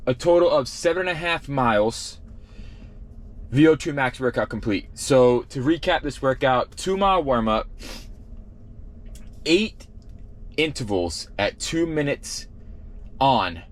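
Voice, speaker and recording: A man's voice: medium pitch, expressive, measured pace, long pauses. A man giving an informal vlog recap, often correcting himself as he explains. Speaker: running vlogger and shoe reviewer. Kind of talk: casual workout recap to camera.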